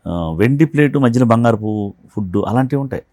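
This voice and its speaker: A man, a film art director, telling animated stories from a film shoot in an interview and acting out the dialogue. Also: medium pitch, fairly quick, no room sound, clean studio sound. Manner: animated storyteller who acts out quoted dialogue. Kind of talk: anecdotal interview storytelling.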